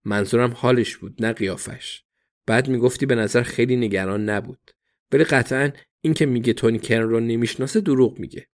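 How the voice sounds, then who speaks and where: A man's voice: medium pitch, natural voice. A man voicing a dry police detective who asks pointed questions in a read storybook. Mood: probing.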